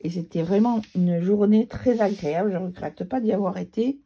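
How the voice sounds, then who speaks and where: A woman's voice: mid-range voice, normal speed, mellow, breathy edge. A woman chatting casually to her viewers in a rambling way, with a noticeable regional accent. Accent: regional French accent. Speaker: scrapbooking vlogger.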